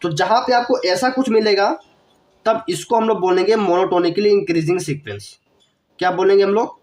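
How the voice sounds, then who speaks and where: Young man, fairly high voice, slight cough, math teacher, step-by-step lecture, repeats phrases. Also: normal speed, darkish tone. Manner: explains step by step, repeats key phrases, asks questions to the viewer. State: has a cough, feeling unwell. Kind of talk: recorded online lecture.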